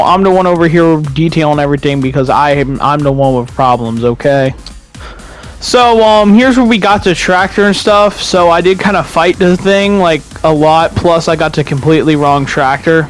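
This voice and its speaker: A young man giving casual, rambling commentary over his own farming game footage, swearing freely and restarting his sentences. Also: fairly high pitch. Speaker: gaming YouTuber.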